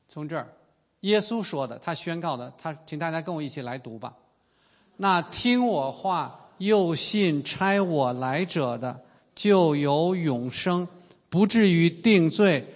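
With a fairly high pitch, a Chinese pastor in his fifties delivers an earnest sermon. He slows at the important phrases and draws them out.

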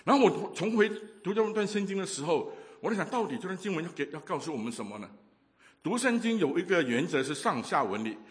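A man preaching a sermon, telling a story with lively acted-out voices and many hesitations. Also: sits high, fast talker, in a large hall.

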